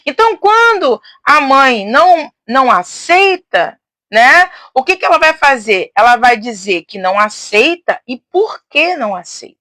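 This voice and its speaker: A high-voiced woman teaching in a casual, outgoing way. She speaks loudly and expansively, often adding tag questions and restarting her sentences. The sound is dry, with no room echo. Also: sing-song, measured pace. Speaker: teacher and host. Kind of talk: casual teaching on faith and psychology.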